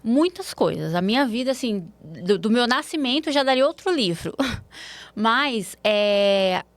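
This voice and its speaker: Candid, animated woman guest, dry studio. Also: unhurried, no room sound. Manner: animated, frank, rising pitch in anecdotes. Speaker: interview guest. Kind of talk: candid personal storytelling.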